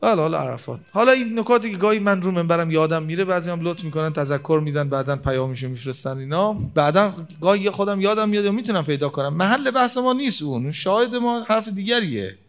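A man preaching a religious sermon from the pulpit. He slows right down to quote scripture and swings between raised and hushed delivery. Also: high-pitched, lively intonation.

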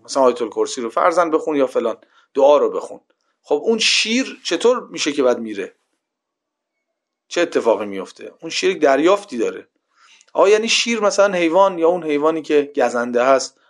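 A man giving a religious lecture to a class in a conversational way, often posing rhetorical questions and checking that listeners follow. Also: fairly high pitch.

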